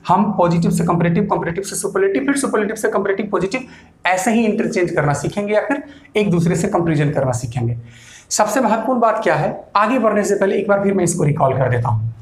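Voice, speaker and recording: A male English grammar teacher giving a classroom lecture, explaining step by step, repeating points and answering his own questions. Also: sits high. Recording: echoey room.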